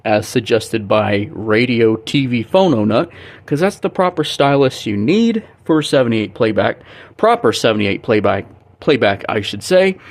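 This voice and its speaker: In a small indoor bedroom, a young adult American vlogger who collects records rambles through a demonstration, thinking out loud in casual conversation. He has a fairly high-pitched, slightly mellow voice.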